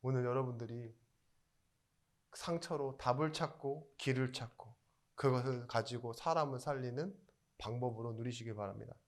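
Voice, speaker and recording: A male pastor preaching a sermon in a chatty storytelling way. He asks the congregation questions and rises into loud emphatic bursts. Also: medium pitch, moderate pace.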